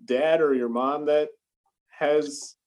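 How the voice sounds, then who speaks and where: A man's voice: fairly high pitch, steady tone, slow, a little mellow. A man interviewing an athlete, asking casual questions with many fillers and restarts.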